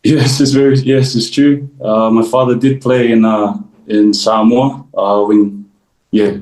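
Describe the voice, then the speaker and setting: A man's voice: mid-range voice, flat delivery, measured pace, darkish tone, reverberant, rough recording. A young man from New Zealand, raised in Australia, answering interview questions at home in an easygoing way, laughing often between sentences. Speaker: guest, volleyball player. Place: room at home.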